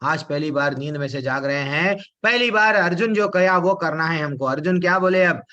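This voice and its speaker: A man teaching a devotional scripture class who asks rhetorical questions and then answers them, drops English words into his talk and slows down to chant verses. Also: on the high side, pushed and bright, muffled recording.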